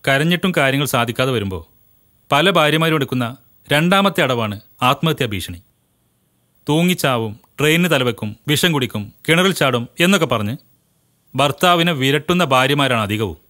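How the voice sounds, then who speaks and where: An actor playing an earnest elder brother who gives his sister a long, measured lecture in a home movie. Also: mid-range voice, expressive, pushed and bright. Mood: stern.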